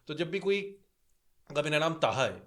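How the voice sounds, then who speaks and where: A man's voice: fairly high pitch, animated. A young man from Pakistan on a podcast, chatting casually and rambling through a story with many fillers. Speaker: podcast co-host.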